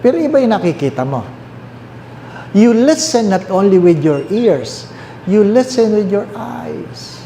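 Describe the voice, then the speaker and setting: Slow, mellow Filipino priest preaching. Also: male voice, high-pitched, sing-song. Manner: mixes English and Tagalog, asks the listeners questions; repeats key phrases slowly. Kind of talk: sermon. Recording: roomy echo, faint background noise.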